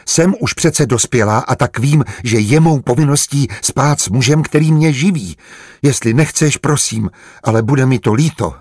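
A man voicing a naive, anxious young female servant who speaks in a rushed, pleading way in an audiobook. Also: mid-range voice, breathy edge, no echo, clean studio sound.

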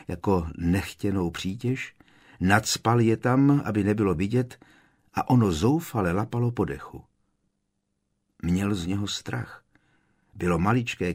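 A man narrating an audiobook with expressive storytelling. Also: deep voice. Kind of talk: scripted narration.

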